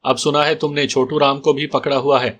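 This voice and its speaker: A man voicing a stern middle-aged male trader with a ringing voice who talks in a soft, cold, coaxing tone. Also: medium pitch, little pitch movement, a little hiss or hum, natural voice.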